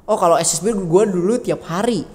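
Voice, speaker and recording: A man's voice: high-pitched, brisk. A young man, a school alumnus telling his story as a podcast guest and acting out the people he quotes. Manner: animated storyteller who acts out quotes. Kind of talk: casual podcast chat. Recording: reverberant room with faint noise.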